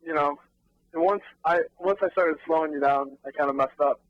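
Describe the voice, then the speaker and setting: A man guesting on a sports talk show, candidly and haltingly explaining his own coaching call. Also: a little high, no room sound. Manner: candid, self-critical, halting with fillers. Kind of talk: casual interview chat. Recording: dull lo-fi recording.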